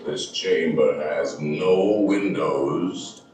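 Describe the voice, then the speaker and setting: An actor playing a sinister, courtly ghost host, delivering a booming, echoing villain monologue in scripted theme-attraction narration. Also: male voice, extremely slow, darkish tone, exaggerated voice. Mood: ominous, taunting. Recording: echoing chamber, distant mic, noisy ambience.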